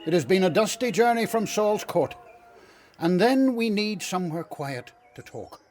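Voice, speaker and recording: An actor playing a wise, kindly elderly prophet in a radio drama, speaking in a measured, reassuring way. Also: male voice, high voice, expressive, darkish tone, faint music behind. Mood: grave.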